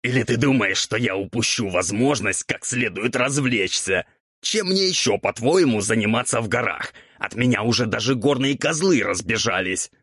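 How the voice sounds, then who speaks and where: A man's voice: medium pitch, expressive, normal speed, a bit bright, husky, no echo, studio quality, voice pushed up. A man voicing a playful, sly male ghoul mentor who teases his pupil, in an audiobook. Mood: teasing. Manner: teasing, amused. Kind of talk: audiobook character voice.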